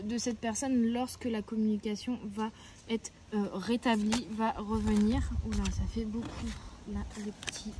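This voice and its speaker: A woman's voice: fairly high pitch, noisy background. Hesitant woman reading oracle cards. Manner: hesitant, often searching for words. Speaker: tarot and oracle card reader. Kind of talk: weekly card-reading guidance. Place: outdoors, near a tree.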